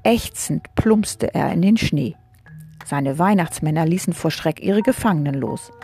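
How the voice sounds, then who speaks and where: A woman reading a children's book aloud, gently addressing young listeners. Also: low-pitched, expressive, a little slow, slightly rough, faint music behind.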